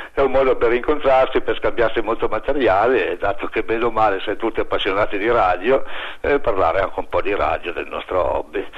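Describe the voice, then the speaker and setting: A man calling in over a landline phone to a radio show, giving an informative report and listing details steadily. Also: fairly low pitch. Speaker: radio hobbyist correspondent. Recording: muffled telephone line.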